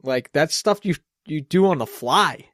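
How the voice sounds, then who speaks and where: A man's voice: fairly high pitch, animated, measured pace, a bit bright, dry recording, studio quality. A man with a Boston accent hosting a podcast, rambling in casual chat and swearing freely. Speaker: podcast host.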